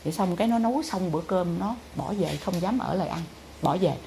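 A woman's voice: on the low side, quick pace, vocal fry, dark tone, a little hiss or hum. A woman with a Southern Vietnamese accent, a spiritual teacher telling her followers a dramatic story with emphatic delivery. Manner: emphatic, dramatic retelling with acted-out quotes.

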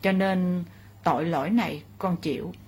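A woman speaking as the remorseful spirit of a married man, slow and pleading. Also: lowish voice, darkish tone, a little hiss or hum, lightly acted. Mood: contrite. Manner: slow, pleading, contrite confession.

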